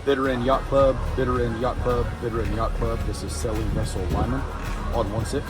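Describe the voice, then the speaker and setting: A man's voice: mid-range voice, brisk, loud music behind the voice. A man on a boat hailing a yacht club over a VHF marine radio, repeating the call in formal radio style. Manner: repetitive, even radio protocol. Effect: heard over a VHF marine radio.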